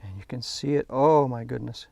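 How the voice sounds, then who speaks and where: A man's voice: medium pitch, normal speed, gravelly, a little mellow, no room sound. A man demonstrating a hands-on hobby technique, chatty and enthusiastic as he narrates while working. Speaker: hobby instructor. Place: workshop.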